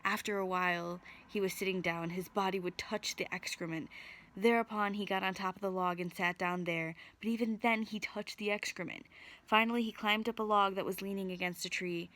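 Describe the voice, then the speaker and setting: Woman reading a folk story out loud, storytime narrator, mid-pitched voice. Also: fairly even intonation, fairly quick.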